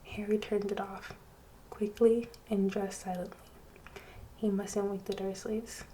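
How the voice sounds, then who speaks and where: Woman, soft-spoken ASMR reading, half-whispered, even and level tone, street noise in the background. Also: medium pitch, measured pace. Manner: drifts between soft voice and whisper. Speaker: ASMR channel host. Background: street traffic.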